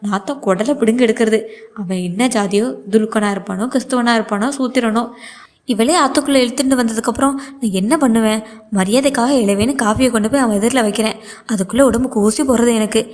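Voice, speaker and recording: A fretful older mother, read by a woman in her own slightly high voice, frets on and on in an anxious, complaining inner monologue. The lament stays steady and is told in a plain storybook reading. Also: fast, natural voice.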